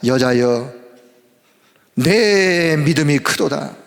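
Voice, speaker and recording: A preacher voicing a solemn, gentle Jesus. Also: male voice, fairly high pitch, expressive, drawn-out words, gravelly, in a large hall, exaggerated voice.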